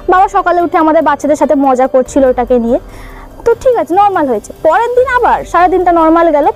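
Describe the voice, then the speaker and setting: High-voiced young woman telling a story. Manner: hesitant, many fillers and restarts. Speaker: storyteller recounting a childhood experience. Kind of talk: casual spoken true ghost story.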